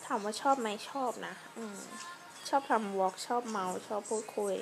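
A woman's voice: mid-range voice, moderate pace, over music. A young woman, a beauty vlogger, chatting casually and rambling, lying in bed at home at night and talking close to a phone camera. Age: young adult. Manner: chatty, rambling, self-correcting. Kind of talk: casual vlog chat.

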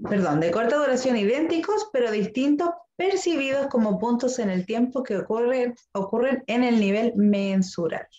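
A woman's voice: on the high side, a little mellow. Woman reading aloud in an echoey room. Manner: stumbling, self-correcting reader. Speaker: student. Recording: echoey room, faint background noise.

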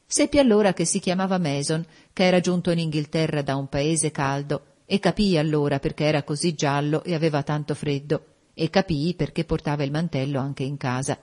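A woman reading a classic novel aloud as an audiobook narrator, in a measured storytelling manner. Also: low-pitched, fairly even intonation, darkish tone. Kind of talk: scripted narration.

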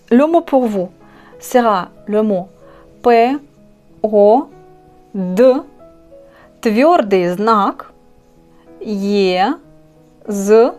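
A woman with a Russian accent, a native Russian speaker, teaching an online language lesson in a slow, patient way, spelling out letters and repeating each word. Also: on the high side, darkish tone.

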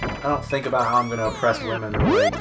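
A man's voice: mid-range voice, fast talker. A man co-hosting a casual chat during a gaming session, laughing easily and rambling. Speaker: podcast co-host. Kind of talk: casual chat while playing a game. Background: game music.

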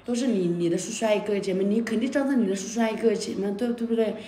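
A woman's voice: mid-range voice, very fast, mellow. A woman livestreaming at night, arguing indignantly, scolding and repeating herself. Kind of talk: heated argument on a livestream. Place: indoor room at night. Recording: echoey room.

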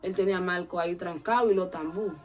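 A woman's voice: on the low side, fast talker. A woman telling a long story in a casual interview, acting out the voices of the people in it. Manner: animated, acts out quoted voices.

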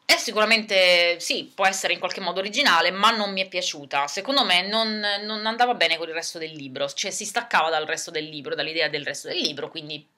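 A woman's voice: on the low side, fairly quick, hardly any pauses, bright, forceful tone. A woman giving a casual book review vlog, chatting and thinking aloud as she goes. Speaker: book vlogger.

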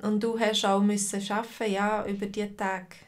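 A woman's voice: mid-range voice, little pitch movement, moderate pace. A woman teaching a live online language lesson over a video call, patiently greeting students by name and asking how they feel.

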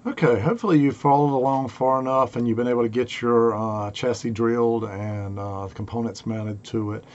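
A middle-aged man, hoarse and raspy with a cold, giving a casual, folksy instructional talk to camera from a home basement workshop. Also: medium pitch, steady tone, moderate pace, darkish tone, dull audio. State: congested and hoarse from a two-week cold and sore throat. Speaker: host of an electronics build tutorial. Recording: clearly noisy home workshop recording.

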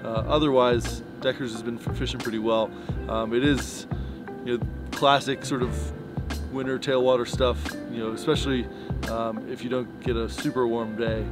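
A man in his thirties gives a loose, unscripted report to camera, filling gaps with ums and you-knows. His voice sits at a middling pitch for a man. Music plays clearly underneath him. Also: normal speed, hardly any pauses. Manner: relaxed, rambling, many fillers and restarts. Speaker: fly shop owner giving a fishing report. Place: outdoors by pickup trucks in snow. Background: music bed under the talk.

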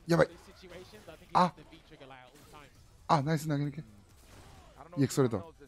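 A man's voice: a little high, unhurried. A man in his thirties giving casual running commentary on a fighting game match, often in short, repeated remarks. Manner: clipped, repetitive short remarks. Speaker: livestream commentator. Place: indoor room, streamer's desk.

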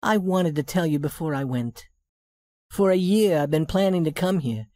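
A woman voicing a young working woman who poses as a rich lady in a storybook reading, speaking softly and politely. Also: low-pitched, expressive, moderate pace, no echo, studio quality. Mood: candid. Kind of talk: storybook reading for English learners.

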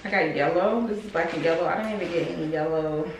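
A woman's voice: on the low side, fast talker. A young woman in casual, chatty talk, showing a clothing haul to her viewers and calling them y'all. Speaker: vlogger. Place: room in a house under renovation. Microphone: camera on a desk in front of her. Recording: roomy echo with clear background noise.

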